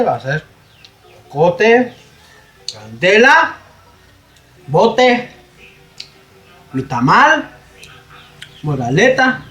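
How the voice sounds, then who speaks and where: A fretful village woman who mutters to herself and bursts out in exclamations, talking slowly with a lively, swinging pitch, as a performer puts her on. The voice rings in an echoey room. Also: exaggerated voice. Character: fussy village woman cooking tamales. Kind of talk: comedy sketch acting.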